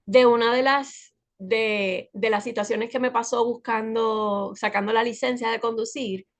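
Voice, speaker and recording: A woman's voice: fairly high pitch, fairly even intonation, unhurried. A woman with a Puerto Rican accent, a guest sharing a personal story in a casual, conversational way with frequent tag questions. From Puerto Rico. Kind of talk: casual chat.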